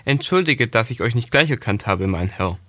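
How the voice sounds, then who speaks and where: A man's voice: mid-range voice, animated, normal speed, fairly bright tone. A man voicing a small, timid kitchen boy who stammers in a storybook reading.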